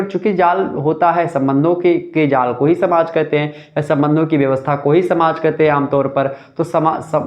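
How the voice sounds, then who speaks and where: A man's voice: on the high side, a little mellow, lo-fi sound. A man giving a live sociology lecture, explaining step by step and repeating the key points. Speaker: sociology teacher.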